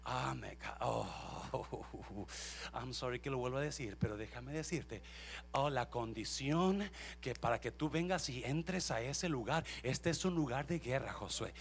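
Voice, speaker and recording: A pastor preaching a sermon, swinging from shouting to soft talk, repeating his phrases and mixing in English. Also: medium pitch, a little slow, creaky, a little hiss or hum. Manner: mixes English and Spanish.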